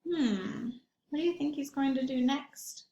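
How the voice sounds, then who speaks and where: In an echoing room, a high-pitched woman reads a picture book aloud to young children, animated and emphatic, pausing to ask them simple questions. She reads unhurriedly.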